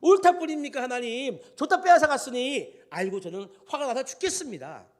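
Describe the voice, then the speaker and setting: A man acting out an angry, sulking prophet who loudly complains to God during a sermon. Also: extremely high pitch, expressive, brisk, voice pushed up. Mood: indignant. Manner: loud indignant wailing complaint.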